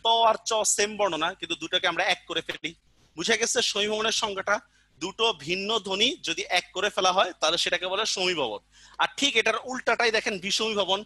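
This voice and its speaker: A man's voice: high-pitched, fast talker, pushed and bright, dry recording. A male teacher giving an online grammar lesson, patiently repeating examples and often asking the class whether they understood. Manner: keeps asking students check questions.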